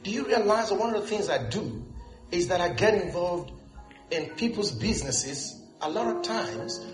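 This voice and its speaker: High-voiced preacher in an echoey church. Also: male voice, moderate pace, music in the background. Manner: animated preaching with repetitions and audience call-outs. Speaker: pastor. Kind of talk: sermon. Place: church hall.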